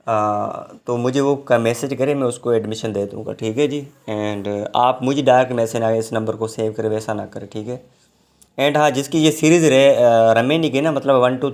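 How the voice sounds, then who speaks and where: A man's voice: mid-range voice, darkish tone. A man teaching English grammar in a recorded online lecture, explaining step by step and often checking in with his students. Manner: explains slowly, with frequent check-ins.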